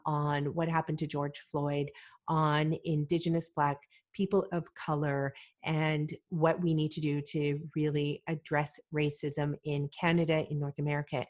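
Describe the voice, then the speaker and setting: A woman from Malawi hosting a solo podcast, talking in an earnest, deliberate way with fillers and repeated phrases. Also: low voice, darkish tone. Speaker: podcast host.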